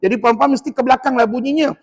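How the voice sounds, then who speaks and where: A man's voice: extremely high pitch, racing. A man with a Malaysian Malay accent teaching Quran recitation, quizzing his class and modelling each sound for them to repeat. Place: mosque hall. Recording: long mosque reverb.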